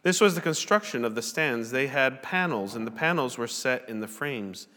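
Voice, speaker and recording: Male pastor at a pulpit mic, mid-range voice, steady deliberate reading, big reverberant sanctuary. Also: mid-range voice. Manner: measured, deliberate reading aloud. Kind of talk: sermon with scripture reading. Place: church sanctuary. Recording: long church hall reverb.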